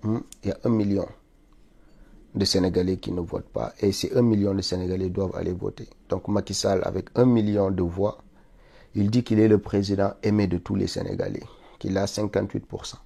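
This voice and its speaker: Speaking a little fast in a low, creaky, mellow and husky voice, this man from Senegal keeps his intonation fairly even. He's a political commentator streaming live with a stuffy cold, pushing an insistent monologue that rises to indignant peaks.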